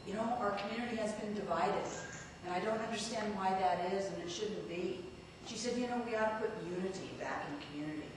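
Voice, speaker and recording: A woman's voice: mid-range voice, fairly quick. Woman in her fifties, echoey distant hall. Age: 50s. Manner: earnest, rambling, with many fillers and restarts. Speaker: community speaker introducing a guest. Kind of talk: public speech at an event. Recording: echoey hall, far from the mic, noisy.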